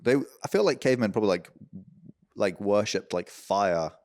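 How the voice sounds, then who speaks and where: A man's voice: on the low side, animated, normal speed, a little mellow. A man co-hosting a podcast, riffing jokily in loose, casual chat. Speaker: podcast co-host.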